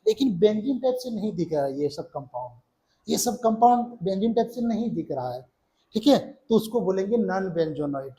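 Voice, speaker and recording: A man's voice: high voice, expressive, moderate pace, warm tone, poor audio. A middle-aged man teaching organic chemistry in a classroom lecture, repeating key terms back as questions and counting along as he draws. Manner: counts along while drawing on board.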